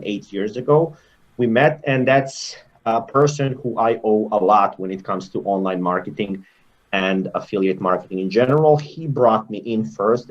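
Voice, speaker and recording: Serbian-accented man, muffled lo-fi call. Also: lowish voice. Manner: reflective, rambling, animated in places. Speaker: guest. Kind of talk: conversational interview storytelling.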